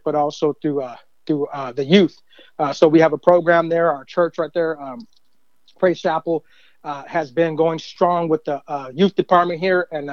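Middle-aged church volunteer, casual rambling testimony, slightly high voice, dry. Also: male voice, a little mellow, dry recording, highs cut off. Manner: rambling, many fillers and "you know what I mean". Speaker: guest, church usher and youth minister.

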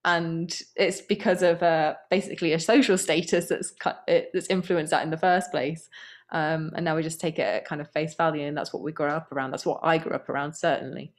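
A woman with a fairly low voice speaks as a guest on a podcast. She talks in a thoughtful, earnest way, with fillers and restarts. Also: fairly even intonation, a little fast. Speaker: guest, app founder. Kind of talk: casual conversational interview.

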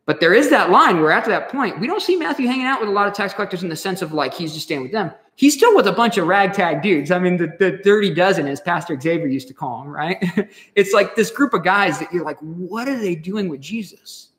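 High lively guy preaching super casual, lots of laughs, big echoey hall. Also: fast. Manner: laid-back, laughing, slangy and animated. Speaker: pastor. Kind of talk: casual sermon. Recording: echoey hall with long reverb.

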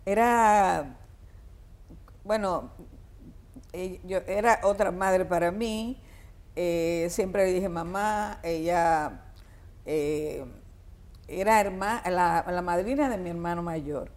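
A woman's voice: on the low side, slow pace, pauses often, a little mellow. An older woman from the Dominican Republic with a Dominican accent, a singer reminiscing in an interview with many fillers and restarts. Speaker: guest singer.

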